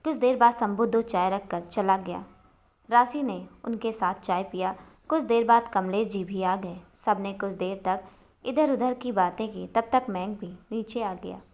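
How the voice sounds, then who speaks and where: A woman storyteller giving a steady, even scripted narration of a love story. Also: mid-range voice, measured pace.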